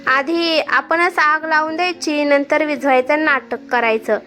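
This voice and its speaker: A high, scornful young wife who complains and talks back , read out by a woman storyteller. She sounds discontented and quick to argue. Soft music sits faintly under the reading. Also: fairly even intonation. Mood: defiant.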